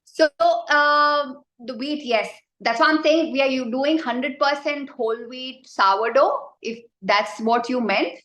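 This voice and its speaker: A woman's voice: high voice, slow pace, hardly any pauses, fairly bright tone. A woman with an Indian accent informally teaching a live online baking class and chattily answering questions from the group. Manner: informal, chatty explaining, often addressing the group. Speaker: baking instructor. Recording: roomy, echoing sound.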